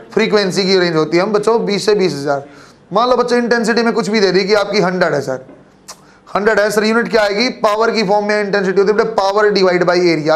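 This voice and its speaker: High-voiced male physics teacher lecturing. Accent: Haryanvi Hindi. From Haryana, India. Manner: addresses students as kids, frequent check-ins. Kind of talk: classroom lecture.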